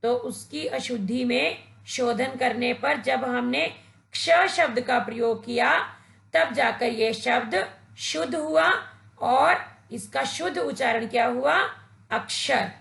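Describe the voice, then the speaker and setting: Brief: woman teacher, high voice, very gravelly, patient lesson for kids, echoey room. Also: slow, fairly bright tone. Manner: patient, instructive, addresses children directly. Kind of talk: slow, deliberate Hindi grammar lesson for children.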